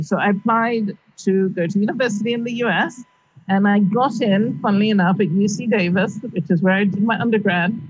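A middle-aged Kenyan woman who teaches at a university answers interview questions over a video call, sounding thoughtful and halting, with plenty of fillers and frequent laughter. Her medium-pitched voice is slightly rough, and the audio is dull but free of echo.

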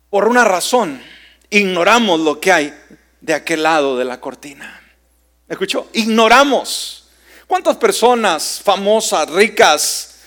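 A man's voice: sits high, fairly bright tone. A man preaching a sermon as pastor, emphatic and often putting questions to the congregation.

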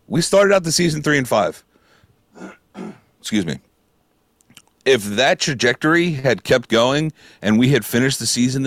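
A man's voice: medium pitch, fairly bright tone, no room sound. A man with an American accent in a casual sports debate, opinionated, argumentative and swearing freely.

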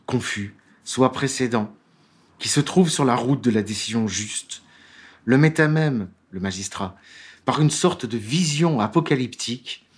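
A man's voice: medium pitch, slightly rough. A man giving a law lecture in French, reading quotations aloud and talking with many fillers and restarts. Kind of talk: lecture with read-out quotes.

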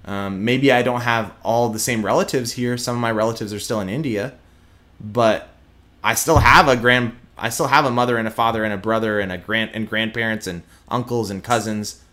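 A young prosecutor from Houston, with a slight Texas twang, speaks earnestly and emphatically as a guest in a candid interview, often restarting his sentences. His fairly low voice is steady, moderately paced, pushed and bright.

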